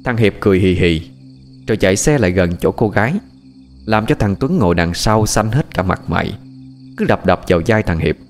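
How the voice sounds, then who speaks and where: Man, low voice, lively, ghost story narration, faint music, crickets. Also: fairly quick.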